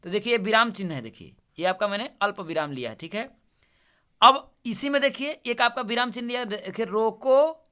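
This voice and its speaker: A young man with a bright, forceful voice walks through exam answers. He keeps asking each question back, calls his listeners his friends, and then repeats the answer. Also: high-pitched. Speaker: exam-prep teacher. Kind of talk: exam paper solution lesson.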